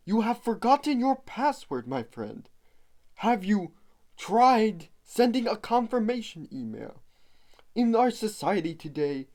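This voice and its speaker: A man voicing a pompous, know-it-all male bison scientist puppet who speaks with solemn, deadpan grandeur. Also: high-pitched, pitched above the performer's own voice, heavily acted. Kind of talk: puppet comedy sketch.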